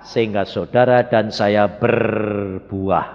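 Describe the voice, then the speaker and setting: A man's voice: lowish voice, slow, gravelly, highs cut off. A male pastor, preaching a sermon and putting rhetorical questions to the congregation in a large church hall. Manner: animated, rising to emphatic peaks, rhetorical questions to the congregation.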